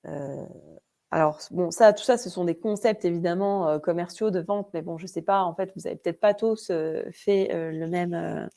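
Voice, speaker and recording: Lowish, creaky and dark-toned at a normal speed, this woman's voice carries a Vosges French accent. She runs an online training webinar in a casual way, full of fillers, restarts and chatty asides.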